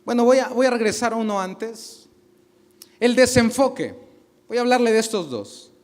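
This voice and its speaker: A man's voice: extremely high pitch, animated, moderate pace. A male pastor preaching a sermon, asking the congregation questions and acting out little dialogues.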